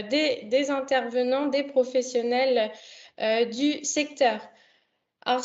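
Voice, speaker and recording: High-voiced woman hosting a video call. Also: lo-fi sound. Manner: hesitant, many fillers. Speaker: online event host. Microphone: computer mic on a video call.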